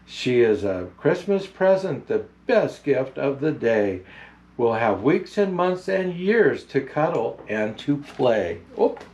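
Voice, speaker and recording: A man playing a jolly old Santa Claus who hosts a picture book reading in a gentle, halting, unhurried manner. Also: medium pitch. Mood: gentle storytelling.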